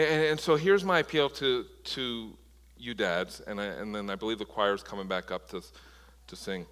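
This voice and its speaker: Impassioned preacher in a reverberant hall. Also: male voice, medium pitch, sharp tone. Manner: impassioned, with frequent restarts and repeated words. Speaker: pastor. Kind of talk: sermon. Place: church sanctuary. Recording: long reverb of a large hall.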